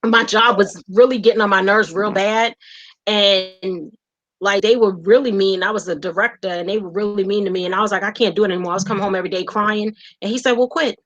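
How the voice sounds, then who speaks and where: A woman's voice: mid-range voice, steady tone, a little fast, fairly bright tone, muffled recording. A woman from the United States telling a personal story candidly, acting out quotes as she goes. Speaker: guest, wife.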